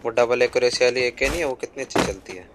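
Young guy streaming a shooter game, chatty, loud noise all over the recording. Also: mid-range voice. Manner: chatty, quick bursts of excitement and grumbling. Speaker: gaming streamer. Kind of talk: casual gameplay commentary.

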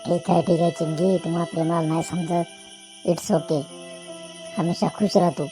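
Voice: medium pitch, level tone, normal speed, dark tone, soft background music, close to an everyday voice. A voice actor doing a lovesick, moping cartoon schoolboy. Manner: pleading, self-pitying. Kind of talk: cartoon voice acting.

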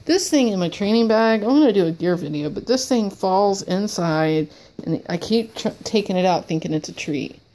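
This woman's mellow, mid-range voice has lively intonation and a normal speed, with a little hiss or hum. She sniffles, rambles and repeats words apologetically while working with her service dog in a cluttered home room with a wood floor.

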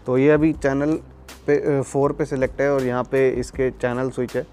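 A young adult man reviews a product outdoors in a terrace and courtyard, speaking conversationally and explanatorily while mixing in English words. His mellow mid-range voice barely varies in pitch and keeps a normal speed, with soft music playing behind him.

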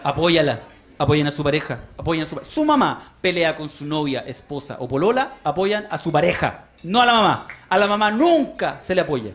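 A man with a Chilean accent performing a stand-up comedy routine on a club stage into a handheld mic, rowdy, switching between confiding asides and shouting. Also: a little high, very animated, a little fast. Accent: Chilean Spanish. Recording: live show with loud crowd and noise.

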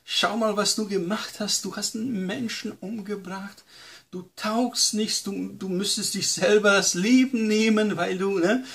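A man voicing a scheming male devil who tempts and then accuses, in a high, taunting tone during a lesson. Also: steady tone, unhurried, creaky, a bit bright, heavily acted. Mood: accusing.

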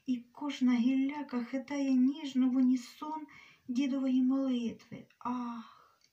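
A woman with a fairly high voice reads a literary story aloud. She takes her time over every phrase and often lets her voice sink to a breathy whisper. She sits somewhat back from the microphone. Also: warm tone, far from the mic, highs cut off. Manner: slow, often sinking to a whisper. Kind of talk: literary reading.

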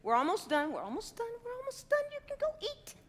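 Very high-pitched and talking fast, a middle-aged woman chef swoops wildly up and down in pitch. She's teasing the crowd playfully during a live cooking demonstration on a hall stage, using a headset mic. There's long big-hall reverb and a slight hiss or hum in the recording.

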